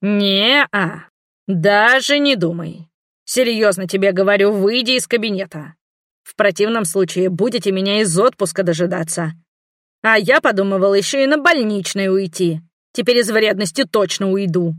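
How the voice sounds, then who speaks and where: A cranky, lecherous old male appraiser, voiced by a woman reading a fantasy audiobook. He grumbles and snaps in a slow, testy drawl. The sound is close and dry. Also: medium pitch, a bit bright, no echo, close to an everyday voice.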